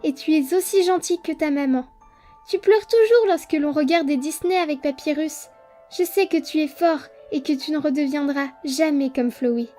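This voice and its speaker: Woman playing a high-pitched, determined child. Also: a little mellow, close to an everyday voice. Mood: reassuring. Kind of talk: fan dub voice acting. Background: music.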